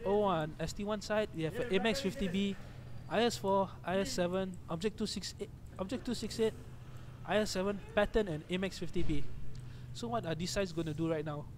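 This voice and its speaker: A young man with a Malaysian accent calls a live esports match for his stream, his voice sitting high. He gets excited quickly and keeps correcting himself as he goes. A steady noisy hum runs under the whole recording. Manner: excitable, often corrects himself mid-phrase. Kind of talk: live tournament commentary.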